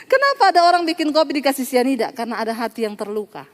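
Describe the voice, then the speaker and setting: A woman pastor preaches to her congregation in a lively storytelling way, dropping quoted voices and laughs into her points. Her voice sits high and bright above the others. Long reverb trails each phrase, as in a large church hall. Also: fast talker. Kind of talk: sermon.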